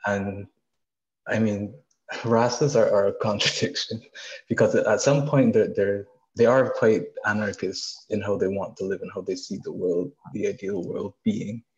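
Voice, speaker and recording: A young man from Barbados, chatting casually as a participant on a video call, relaxed with fillers. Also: on the low side, measured pace, dull audio. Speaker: audience participant. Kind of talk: casual discussion.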